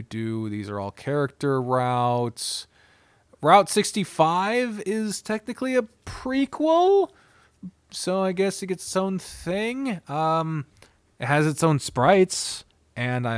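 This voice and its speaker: A man with a mid-range, clean-toned voice and no room sound hosts an unscripted review of visual novels. His casual delivery is blunt and expressive, peppered with swearing and rambling digressions.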